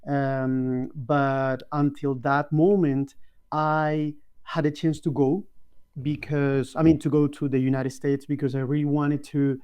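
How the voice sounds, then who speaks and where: Slow, mellow-voiced man. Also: a little high, level tone, smooth, lo-fi sound. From Colombia. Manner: slow, thoughtful, many hesitant ums. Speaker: guest. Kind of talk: casual interview chat. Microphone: video call.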